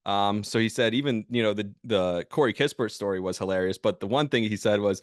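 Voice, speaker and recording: A man hosting a sports podcast, delivering an opinionated, emphatic monologue in a casual way that builds into loud bursts. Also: fairly low pitch, brisk, dry recording, studio quality. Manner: casual with fillers and restarts.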